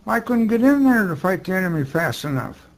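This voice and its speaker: A man's voice: high-pitched, very animated, brisk, gravelly. An elderly American man, a war veteran, recalling things bluntly and emphatically in an interview. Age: older, 80s. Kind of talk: interview recollection.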